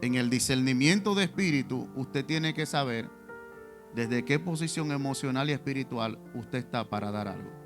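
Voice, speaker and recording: A man's voice: medium pitch, animated, normal speed, music in the background. A man preaching a testimonial sermon in church, speaking directly to the congregation with rhetorical questions. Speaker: pastor.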